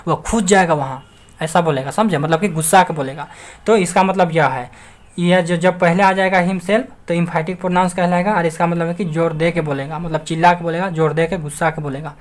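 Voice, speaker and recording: A man giving an online English grammar lesson, who keeps asking his viewers rhetorical questions and calls them friends. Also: high voice. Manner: keeps addressing listeners as friends.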